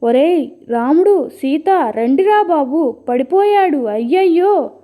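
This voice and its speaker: A woman voicing a frantic old village woman who cries out for help in a high, strained voice. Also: lively intonation, slow pace, dark tone. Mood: frantic, wailing. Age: older. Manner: crying out in distress, high and strained.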